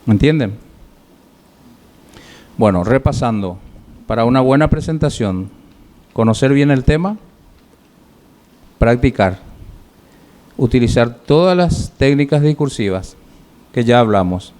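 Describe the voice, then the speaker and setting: A male public speaking teacher addressing his class after their exams. He talks in a measured, unhurried way, lays out his points as lists and stops for rhetorical questions. His pitch sits in an ordinary middle range. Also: animated, a little mellow. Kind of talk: classroom feedback lecture.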